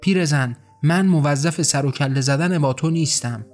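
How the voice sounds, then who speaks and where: A man's voice: on the high side, a little mellow, natural voice. In an audiobook story, a cold and impatient mother snaps curt, scornful words, as a man reads her part. The delivery is short and cutting, with faint music underneath.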